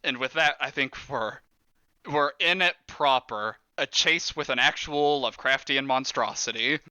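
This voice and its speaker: A man running a tabletop horror game as game master, animated, laughing and swearing casually. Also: medium pitch, measured pace, smooth, dry recording.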